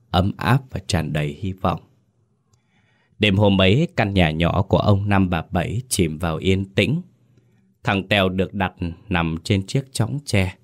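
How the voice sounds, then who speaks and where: A man narrating a ghost story in a slow, somber audiobook style. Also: deep voice.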